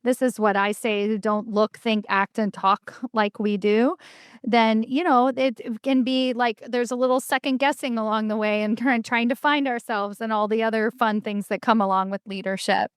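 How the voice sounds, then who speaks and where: A woman's voice: on the high side, steady tone, normal speed, clear, resonant tone, dry recording, studio quality. A woman from Kentucky hosting an interview podcast, chatty and enthusiastic, laughing often. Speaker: podcast host.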